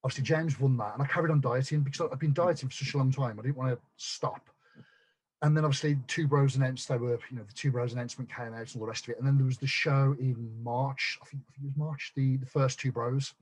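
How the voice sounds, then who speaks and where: A man telling his story as a guest on a podcast, blunt and quick to swear, tripping over restarts. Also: medium pitch, fairly even intonation, breathy edge. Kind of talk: casual chat.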